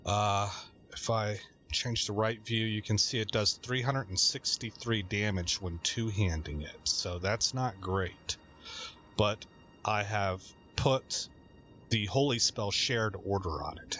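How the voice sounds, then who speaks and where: A man's voice: fairly low pitch, a little slow, fairly bright tone, faint music behind. A man hosting a gaming channel, giving rambling, chatty commentary while he plays and laughing at his own stories. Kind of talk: casual game commentary.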